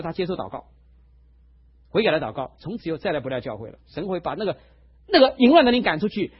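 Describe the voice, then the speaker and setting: A male pastor preaching a sermon, telling a personal testimony in an animated storytelling way, in a dull lo-fi recording. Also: high voice, slightly rough. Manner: animated storytelling, acts out quotes.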